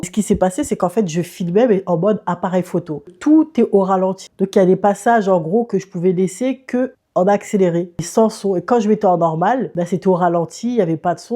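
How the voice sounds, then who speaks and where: A woman's voice: lowish voice, mellow. A woman chatting casually in a vlog, slangy and grumbling, her voice muffled and thick from swollen tonsils. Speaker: vlogger.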